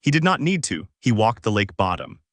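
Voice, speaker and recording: A man giving a measured, scripted story narration with deliberate pauses. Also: on the low side, very animated, fairly bright tone, no echo.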